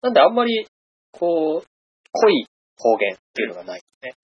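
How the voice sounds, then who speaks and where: A man's voice: on the high side, wildly swooping pitch, a little fast, husky, highs cut off. A man from Hokkaido, a podcast host, chatting easily and laughing often. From Hokkaido, Japan. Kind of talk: casual chat.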